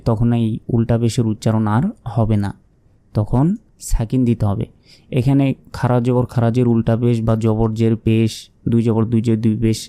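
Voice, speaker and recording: A man's voice: mid-range voice, dark tone, no room sound. A man teaching Quran reading step by step, spelling out letters and marks, asking questions and then answering them patiently.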